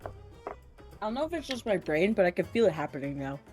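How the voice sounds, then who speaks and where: A woman's voice: lowish voice, very animated, brisk, a little mellow. A woman streamer chatting casually and laughing easily while playing a game. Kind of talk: casual chat over gameplay. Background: game music.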